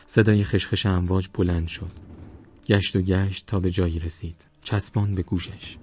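A man narrating a novel as an audiobook in measured, even scripted storytelling, recorded with dull lo-fi sound and faint music. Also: low-pitched, breathy edge.

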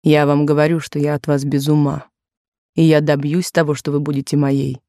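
A woman voicing an insistent, possessive wealthy man courting a young maid, in a lowered, slow, pressing voice in a dry studio recording. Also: little pitch movement, warm tone, dry recording.

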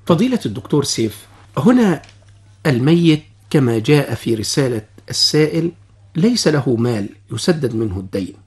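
Husky Egyptian man presenting in formal Standard Arabic. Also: mid-range voice, big pitch swings, normal speed, a little mellow. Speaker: radio host. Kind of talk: formal radio presenting, reading a listener's letter.

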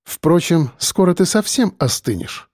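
Мужчина озвучивает хладнокровную насмешливую женщину-убийцу, говорящую спокойно и ледяным тоном. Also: female voice, lowish voice, unhurried, no room sound, studio quality, voice pushed up. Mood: icy. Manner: calm, icy, mocking. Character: cold, mocking female killer.

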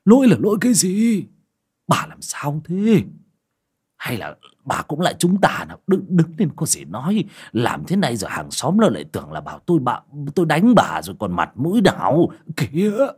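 A man's voice: a little high, wildly swooping pitch, moderate pace, darkish tone, breathy edge, voice pushed up, full character voice. A man voicing an old village husband, stammering and agitated as he questions his wife. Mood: flustered.

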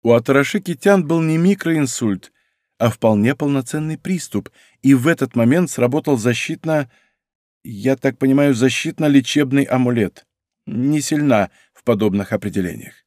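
A man voicing a hesitant, soft-spoken female fox spirit in an audiobook. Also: medium pitch, animated, moderate pace, dry recording, studio quality, pitched above the performer's own voice, natural voice. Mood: puzzled. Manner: unsure, soft. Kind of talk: audiobook character reading.

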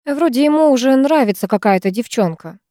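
A woman's voice: high voice, animated, fairly quick, dark tone, no echo, pitched above the performer's own voice. A woman voicing a chatty, gossipy teenage girl in an audiobook, raised a little above her narrating voice, in a dry, close recording. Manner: chatty, gushing.

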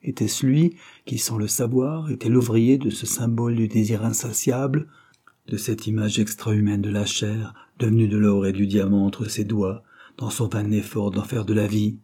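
A man narrating a classic novel in a measured, expressive audiobook reading. His voice sits low, with a dark, mellow tone and a husky grain.

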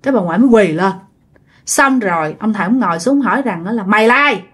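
A woman's voice: mid-range voice, expressive, fast, slightly rough. A woman casually telling a ghost story, chatting directly to her listeners.

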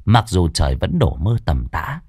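A man's voice: low-pitched, very animated, normal speed, darkish tone, husky, no echo, studio quality. A man narrating a ghost story in a suspenseful, vivid cadence.

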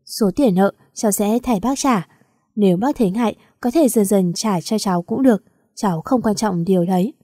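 A woman reading the part of a calm young man who speaks in a reassuring way. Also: medium pitch, moderate pace, no room sound, studio quality, lightly acted.

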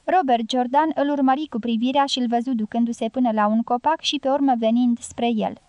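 A woman narrating a classic novel in an even, deliberate reading voice. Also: fairly high pitch, clear, resonant tone, no echo, muffled recording. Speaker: audiobook narrator. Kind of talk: literary audiobook narration.

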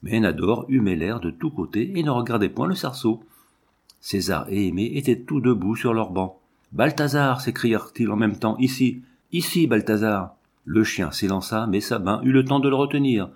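A man narrating a children's storybook aloud, with an expressive, lively reading. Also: on the low side, normal speed.

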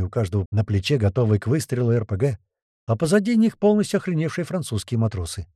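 A man telling a first-person story as an audiobook narrator, in a lively, vivid manner. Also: medium pitch, no echo, clean studio sound.

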